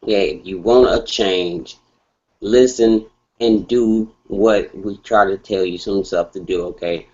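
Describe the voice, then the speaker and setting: Casual male motivator, low voice, muffled call. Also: fairly even intonation, takes it slowly, a little mellow. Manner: casual, colloquial, with frequent "okay?" check-ins. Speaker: speaker on a group call. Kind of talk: motivational talk. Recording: muffled conference call line.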